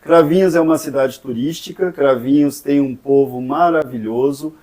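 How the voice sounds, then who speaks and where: A man talking casually and warmly about his town, joking and urging visitors to come. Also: medium pitch, moderate pace. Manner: enthusiastic, joking, inviting. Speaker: local interviewee promoting the town. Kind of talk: casual chat.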